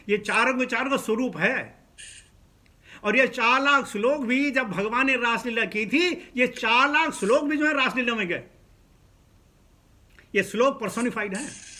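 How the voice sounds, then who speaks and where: A man preaches to a seated audience, his voice high and bright. He talks casually, tosses questions to the room and mixes English phrases into his Hindi. It sounds like a teacher chatting through a scripture class. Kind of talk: sermon.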